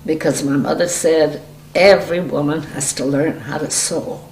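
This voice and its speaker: A woman's voice: sits low, fairly even intonation, moderate pace, darkish tone. An elderly woman recalling her youth in a plain, matter-of-fact way during an oral history interview. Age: 70s or older. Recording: echoey room with faint noise.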